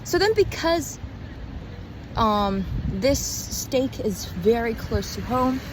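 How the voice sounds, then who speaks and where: A young woman, a vlogger and acting student, records a casual, rambling video diary while walking outdoors in the city. Her voice is higher-pitched and very lively, but she sounds physically tired, speaking candidly in halting bursts and cutting herself off, with traffic, passing cars, and street noise clearly audible.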